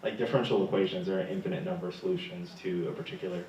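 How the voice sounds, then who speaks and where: A man's voice: low-pitched, fairly even intonation, rapid-fire, a little mellow, echoey room, far from the mic, lo-fi sound, slight background noise. A young man answering interview questions, telling stories with humor and laughing often. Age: young adult. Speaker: guest speaker, graduate student.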